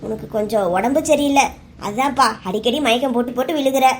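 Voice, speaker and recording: A woman's voice: on the high side, fast talker, slight background noise, lightly acted. A woman voicing a worried middle-aged mother in a cartoon serial, speaking in a soothing, tearful way. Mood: tender.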